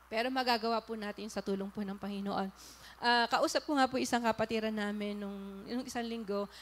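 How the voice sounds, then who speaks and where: A woman pastor from the Philippines giving an animated sermon, telling a story and putting questions to the congregation. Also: mid-range voice, slight background noise. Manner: animated, rhetorical questions to the audience, polite and earnest.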